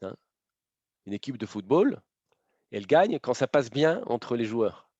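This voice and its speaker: A man lectures an audience in a dry, close-sounding space with a slightly dull, lo-fi tone. His voice sits at a middle pitch. He walks through his points step by step, checking in with quick tags. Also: big pitch swings, a little mellow, no room sound. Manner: explanatory, punctuated by frequent tag questions.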